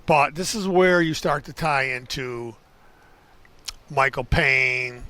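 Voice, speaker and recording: A man's voice: medium pitch, slow, pushed and bright, poor audio. A man giving a casual walking-tour vlog outdoors on a university campus, talking to viewers in a rambling, self-correcting way. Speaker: video tour guide. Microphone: handheld camera.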